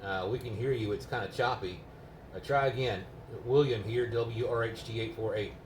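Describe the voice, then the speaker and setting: A man's voice: lowish voice, steady tone, moderate pace. A man talking casually indoors as a home radio operator, explaining things in a patient, rambling way. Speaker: amateur GMRS radio operator. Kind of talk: casual, unscripted radio chat. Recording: roomy, noisy, distant microphone.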